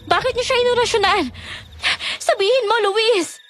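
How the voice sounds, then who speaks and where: A woman playing a frightened young woman who keeps demanding answers in a horror audio drama. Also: normal speed. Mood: alarmed. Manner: high, anxious, demanding questions.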